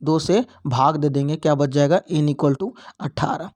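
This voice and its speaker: A man's voice: a little high, unhurried, darkish tone. A young man teaching biology, walking through exam questions and mixing English terms into his explanations.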